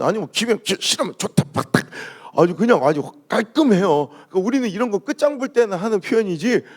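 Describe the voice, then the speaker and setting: A man from Chungcheong preaching at a dawn revival service, telling humorous stories and mimicking the way people talk. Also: sits high. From Chungcheong, Korea. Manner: storytelling, mimics regional dialogue, lively jokes. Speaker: pastor. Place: church sanctuary.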